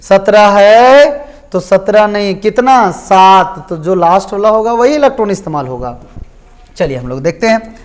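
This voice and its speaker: A high-voiced male teacher with a Jharkhand Hindi accent delivers a chemistry class lecture. He often asks students how they're following and answers his own questions.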